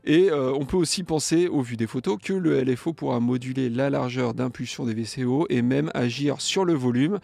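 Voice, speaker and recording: A man's voice: medium pitch, normal speed, gravelly, few pauses, no echo. A young man hosting a music gear news show, chatting casually and jokily reading out viewer comments. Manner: lively, jokey, playfully sings comments.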